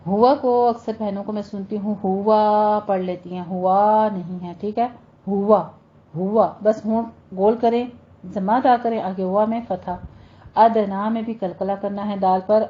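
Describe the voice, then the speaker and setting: A woman teaching Quran recitation, saying each word slowly and patiently and correcting common mistakes. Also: medium pitch, muffled recording. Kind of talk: recitation lesson, modelling sounds slowly.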